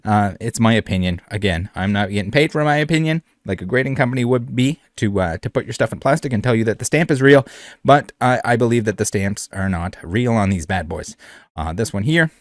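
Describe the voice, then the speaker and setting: A man's voice: fairly low pitch, brisk, dry recording, studio quality. A man hosting a trading card video in casual commentary, rambling and repeating phrases, with many fillers. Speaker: trading card channel host.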